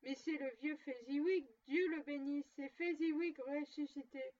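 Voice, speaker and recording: A woman voicing an excited, eager old man who exclaims loudly in a storybook reading. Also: a little slow. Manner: exclaiming, louder and higher than the narration. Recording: dull distant lo-fi recording.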